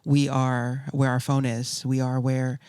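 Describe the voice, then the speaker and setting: A man's voice: medium pitch, monotone, unhurried, darkish tone, clear, resonant tone, dry recording, studio quality. A man co-hosting a faith podcast in casual chat, with a slight Southern US accent, jokey and reflective. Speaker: podcast co-host.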